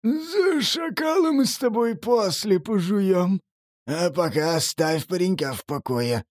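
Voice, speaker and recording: Guy doing a hateful gangster boss, hisses slow, pitch swings up and down. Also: animated, a little mellow, no echo, clean studio sound. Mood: stern. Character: hateful, hissing male prison boss with a gangster's drawl.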